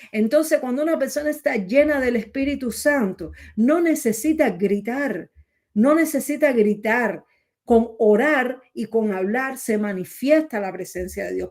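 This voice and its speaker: Woman Bible teacher, earnest sermon, repeats for emphasis, fairly high pitch. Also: darkish tone. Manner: addresses listener as brother.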